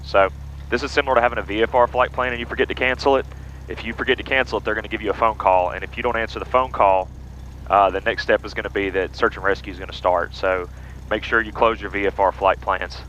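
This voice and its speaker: A pilot and flight vlogger casually explains procedures from a small airplane's cockpit, mixing narration with radio calls. He talks fast in a lowish, steady, fairly bright voice, and the audio is muffled with engine noise behind it.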